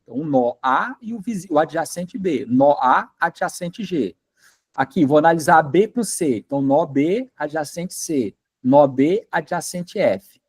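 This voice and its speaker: Speaking at a measured pace, a man with a Brazilian Portuguese accent leads a casual university lecture, chatty and full of fillers, frequently asking whether students keep up. His pitch leans high, his intonation is lively, and his tone is a little mellow and slightly rough.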